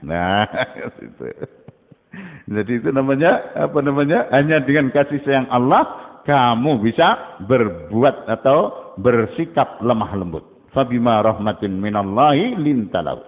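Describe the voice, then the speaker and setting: A man preaching a dawn sermon, jumping between high emphatic bursts and low asides. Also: animated, measured pace. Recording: tinny phone-like sound with long hall reverb.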